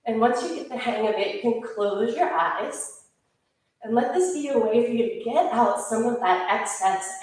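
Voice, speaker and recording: A woman teaching a yoga class, calmly and steadily cueing breaths and movements. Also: fairly high pitch. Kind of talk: guided yoga class instruction. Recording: echoey room, voice from far off.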